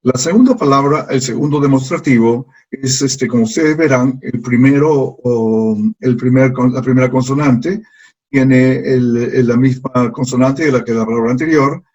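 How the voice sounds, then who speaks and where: Guy teaching english pronunciation, husky voice, slow, repeats stuff patiently. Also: medium pitch, steady tone, darkish tone, muffled recording. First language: Spanish. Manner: slow, patient, repeats sounds for learners to copy. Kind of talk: slide lesson.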